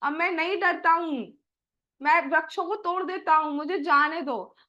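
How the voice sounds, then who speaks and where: एक महिला की आवाज़ में नन्हा, चंचल कान्हा अपनी मैया से बार-बार विनती करता है। आवाज़ बहुत ऊँची और खनकदार है, और हर वाक्य में मनुहार झलकती है।. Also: female voice, very high-pitched, moderate pace, pushed and bright, dull audio. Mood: pleading. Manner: pleading, repeating his request. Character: young boy Krishna, playful and pleading.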